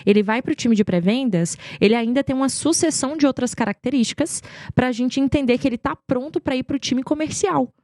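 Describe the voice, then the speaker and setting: A marketing executive from Goiânia, Brazil, appears as a podcast guest telling stories in a conversational interview. She's talkative and emphatic, often asking rhetorical questions, in a high, slightly mellow voice at a fairly quick pace with no room sound.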